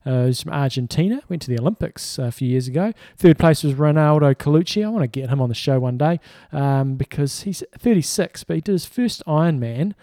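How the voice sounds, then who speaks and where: Mellow male sports podcast co-host. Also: fairly high pitch, lively intonation, a little fast, hardly any pauses, dry recording, clean studio sound. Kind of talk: casual sports podcast chat.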